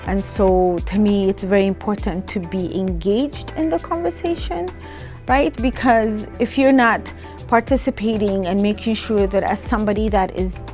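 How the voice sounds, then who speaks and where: A woman's voice: mid-range voice, fairly even intonation, moderate pace, darkish tone, soft background music. A woman from Ethiopia, a programs director, speaking emphatically about community work and often adding tag questions. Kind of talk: interview-style testimonial.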